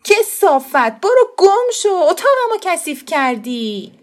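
A woman voicing a bratty, boastful little boy who bosses others around in a taunting, shouty way. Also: high voice, very animated, pitched above the performer's own voice. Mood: shouting, whining. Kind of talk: audiobook character voice.

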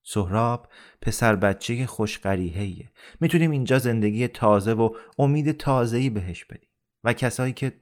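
A man reading the part of a dying older family friend, speaking in a calm, earnest, pleading way in an audiobook. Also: mid-range voice, close to an everyday voice.

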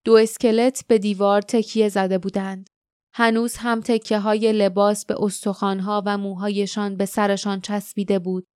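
A woman narrating a fantasy audiobook in a steady, measured storytelling manner, close to the mic in a booth. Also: mid-range voice, clear, resonant tone, no room sound. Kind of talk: scripted narration.

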